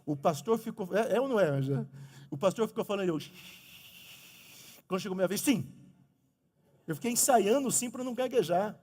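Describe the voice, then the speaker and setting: High-voiced pastor preaching in a hall. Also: male voice, quick pace, pauses often. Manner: animated preaching, talks of his own stutter. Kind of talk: sermon. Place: church sanctuary. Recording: long reverb of a church hall.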